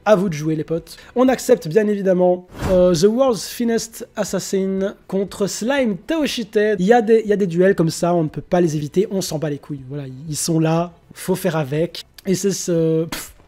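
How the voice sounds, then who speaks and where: A young man hosting a live-streamed anime vote, casual and slangy, with bursts of excitement. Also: high voice, moderate pace. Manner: excitable, slangy, mixes English exclamations.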